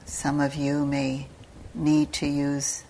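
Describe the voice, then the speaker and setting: In a meditation retreat hall, a teacher with a low-pitched voice leads a guided meditation very slowly, giving step-by-step instruction. She speaks calmly in short, measured phrases separated by long pauses, her intonation very flat, with slight background noise present.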